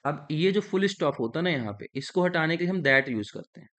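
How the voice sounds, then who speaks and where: A man with an Indian accent teaching an English grammar lesson in Hindi, slowly dictating sentences and explaining each step. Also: fairly high pitch, expressive, fairly bright tone.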